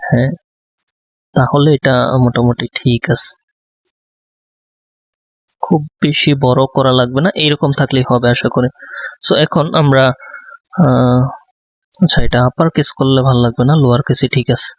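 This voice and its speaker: A man giving a design tutorial, speaking softly close to the microphone and thinking aloud with many fillers. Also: medium pitch, fairly even intonation, normal speed, long pauses, no room sound. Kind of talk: live screen-recorded tutorial.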